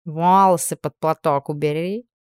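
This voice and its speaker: Brief: woman voicing a grumbling know-it-all cat, low-key and unhurried. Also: steady tone, no echo, studio quality. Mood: gruff. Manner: unhurried and gruff. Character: gruff bossy talking house cat.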